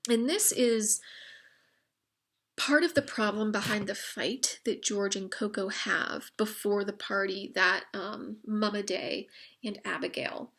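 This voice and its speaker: A woman with a slightly hoarse voice walks listeners through a novel in a loose, informal lecture. She talks in a chatty, unscripted way, full of small fillers and an occasional wry aside, at a middling pitch for a woman. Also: takes it slowly, a bit bright. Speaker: book discussion leader.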